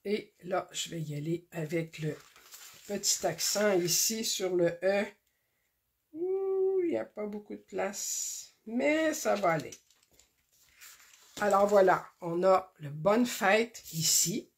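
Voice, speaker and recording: A woman hosts a card-making tutorial, talking slowly and carefully through each step with many pauses and fillers. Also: medium pitch, expressive. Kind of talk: casual craft demonstration.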